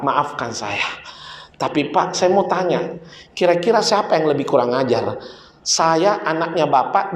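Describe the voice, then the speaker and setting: A man's voice: sits high, gravelly. A man voicing a thirteen-year-old boy who earnestly reproaches his father, in an echoey hall. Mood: pleading. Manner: pleading then reproachful. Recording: echoey hall with long reverb.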